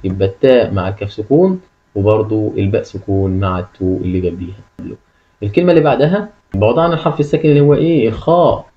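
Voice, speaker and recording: Egyptian guy teaching a lesson, talks fast, keeps asking questions back, kinda muffled lo-fi sound. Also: fairly low pitch, expressive. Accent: Egyptian Arabic. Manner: repeats key phrases and asks the listener questions. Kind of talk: classroom-style lesson.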